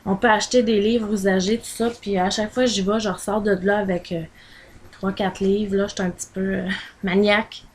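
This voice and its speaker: A woman's voice: mid-range voice, level tone, a little fast, slight background noise. A woman with a Québécois accent, chatting casually in a home vlog and rambling with many fillers as she holds items up to the camera. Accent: Québécois French. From Quebec. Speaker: vlogger recommending books.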